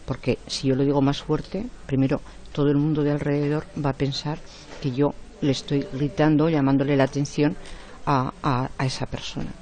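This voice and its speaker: A woman giving an online lecture in a strong, forceful voice. She explains step by step and keeps adding quick tag questions. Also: sits low, flat delivery.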